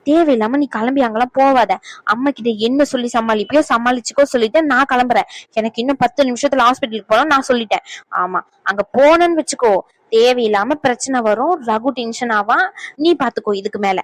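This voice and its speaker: A woman's voice: a little high, fast talker, no echo, natural voice. Woman voicing an exasperated cartoon granddaughter. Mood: explaining. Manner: blunt, exasperated explaining. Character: exasperated young granddaughter, blunt and bossy. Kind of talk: cartoon family drama voice acting.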